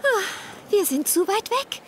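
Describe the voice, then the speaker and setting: A woman's voice: very high voice, big pitch swings, unhurried, very noisy, heavily acted. A woman voicing a caring, flustered mother in a children's cartoon dub. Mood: worried. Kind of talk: animated children's cartoon dubbing.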